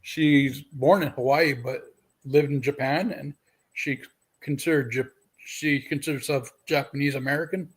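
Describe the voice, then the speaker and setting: A man's voice: medium pitch, fairly even intonation, moderate pace, slightly rough. A man co-hosting a podcast, casually chatting and correcting the other speaker's facts. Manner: contradicting, fact-checking. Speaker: podcast co-host. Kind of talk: casual chat.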